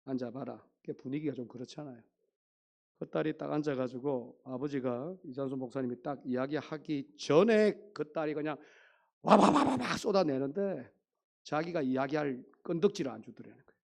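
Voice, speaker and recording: A man's voice: medium pitch, fairly quick, creaky, darkish tone. A man preaching a sermon as pastor, telling a story and speaking straight to the congregation. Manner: storytelling, quotes others, addresses congregation directly. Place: church sanctuary.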